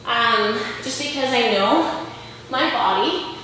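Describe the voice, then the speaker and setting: A woman's voice: a little high, expressive, slow pace, pushed and bright. A woman fitness instructor, slightly out of breath, coaching and encouraging while she does push-ups and other exercises. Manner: talking while doing push-ups and lunges, with effort. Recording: very echoey room, faint background noise.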